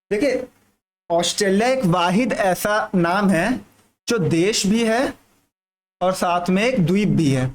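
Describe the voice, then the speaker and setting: A man with a high voice teaches a general studies exam-prep lesson over a map. He repeats himself, constantly checks in with "thik hai," and draws out key terms slowly.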